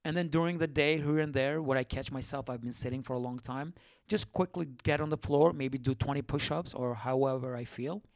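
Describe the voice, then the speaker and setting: A man's voice: medium pitch, a little fast, a little mellow, no room sound. A man hosting a solo podcast, talking casually and reflectively, with lots of fillers and self-corrections. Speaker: podcast host.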